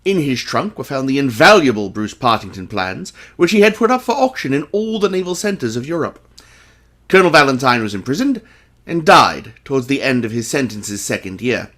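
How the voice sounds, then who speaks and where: An actor playing a genteel Victorian English doctor, narrating a radio play in a formal, literary storytelling manner. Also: male voice, medium pitch, big pitch swings, fairly quick, fairly bright tone. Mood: satisfied, reflective.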